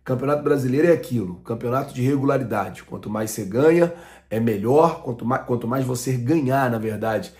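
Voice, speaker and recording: A man in his thirties, from Brazil, hosts a casual football fan vlog at a middle pitch. He rambles and circles back on his points, with plenty of fillers. He is recorded close to a webcam in a small home room. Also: a little mellow. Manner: rambling, repeats himself, many fillers. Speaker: football channel host.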